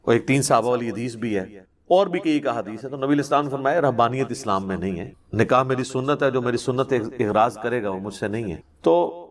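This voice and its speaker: A man's voice: mid-range voice, lively intonation. A man giving a question-and-answer religious lecture as a scholar, explaining points emphatically and with examples.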